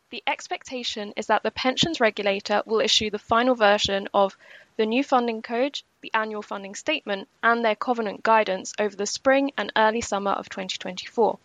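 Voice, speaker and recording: A woman co-hosts a podcast, working through a scripted roundup of pension news at a measured, explanatory pace. Her voice sits fairly high and carries a gravelly fry, and the recording is dry and close with no room sound. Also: fairly bright tone, no echo. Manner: measured and explanatory, slowing for key points. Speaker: podcast co-host.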